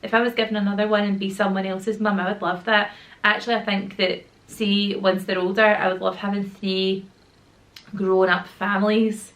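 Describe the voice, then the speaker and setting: With a Glaswegian Scottish accent and a slightly sore throat, a woman in her thirties who is a YouTuber and mum chats rambling and slangy to camera at home, children nearby. Her mid-range voice is fairly bright, shows little pitch movement, and moves at a moderate pace.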